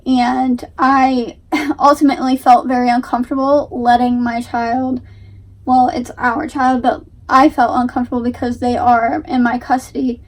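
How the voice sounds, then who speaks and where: A young adult woman giving casual reaction commentary, explaining herself in a halting, repetitive, emphatic way. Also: high voice, little pitch movement, recorded from a distance, poor audio. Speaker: reaction video host.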